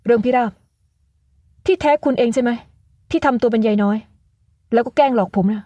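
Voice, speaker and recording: A proud, hot-headed young man with a stern, irritated delivery, as a female reader puts him on. The voice stays mellow and fairly high, with no real lowering. It sounds dull and lo-fi. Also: normal speed, no room sound, close to an everyday voice. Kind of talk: audiobook character voice.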